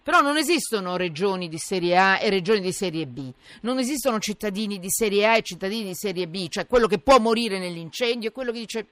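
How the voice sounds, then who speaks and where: A woman's voice: medium pitch, animated, fast talker, few pauses, fairly bright tone, no room sound. A woman hosting a live radio news talk, speaking in an emphatic, indignant way and often cutting in. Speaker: radio host.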